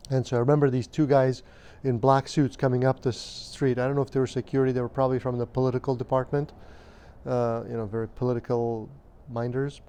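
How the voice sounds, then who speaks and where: A Romanian-born man in his fifties, interviewed about his childhood, speaks in a mellow, smooth, medium-pitched voice. His delivery stays fairly flat and even, and he recalls his memories with measured hesitation and frequent fillers.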